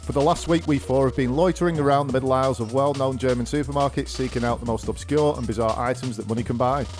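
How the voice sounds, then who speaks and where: A man's voice: medium pitch, steady tone, quick pace, soft background music. A man co-hosting a comedy podcast, reading show announcements and joking with friends. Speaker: podcast co-host. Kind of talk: podcast intro and banter.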